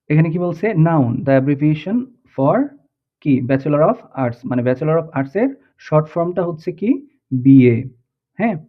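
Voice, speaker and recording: Bangladeshi man teaching over a tinny line. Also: fairly high pitch. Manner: explains step by step, checks often with the listener. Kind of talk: screen-recorded tutorial lesson. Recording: tinny, phone-like audio.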